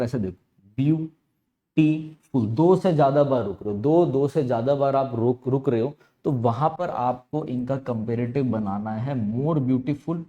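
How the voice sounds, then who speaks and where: A man's voice: mid-range voice, mellow, highs cut off. A man teaching an exam-prep grammar lesson, explaining step by step and repeating key words, often asking and answering his own questions.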